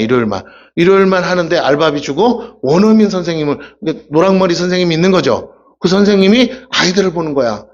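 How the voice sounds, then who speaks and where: A male pastor giving a casual, humorous sermon, telling stories and asking the congregation questions. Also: on the high side. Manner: chatty storytelling, asks the congregation questions, acts out voices. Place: church sanctuary. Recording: dull lo-fi church recording.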